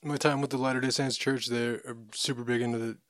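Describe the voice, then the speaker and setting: A man in casual podcast conversation, easygoing and thoughtful, often pausing on fillers as he explains. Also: mid-range voice, fairly even intonation, no room sound, clean studio sound. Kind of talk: casual chat.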